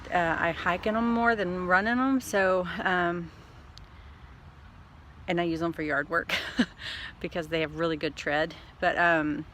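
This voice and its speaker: A woman's voice: lowish voice, steady tone, unhurried, pauses often, a bit bright, a little hiss or hum. A woman chatting casually in a rambling, upbeat, self-deprecating way, like a trail running vlogger talking to her followers. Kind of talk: casual vlog chat to camera.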